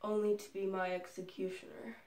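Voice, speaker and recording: A woman's voice: medium pitch, flat delivery, fairly quick, darkish tone, a little hiss or hum, lightly acted. A young woman performing an audition scene as a defiant, anguished young woman seeking justice. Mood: grim, wounded. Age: young adult. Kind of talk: acted dramatic audition scene. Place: small room indoors, before a door. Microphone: camera at a few feet. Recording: roomy, distant microphone.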